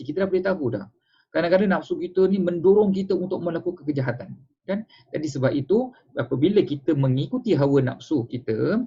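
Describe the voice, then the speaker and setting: Husky man giving a lively talk. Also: medium pitch. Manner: conversational, asks rhetorical questions and acts out examples. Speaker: religious teacher. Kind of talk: informal religious lecture. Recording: dull lo-fi recording.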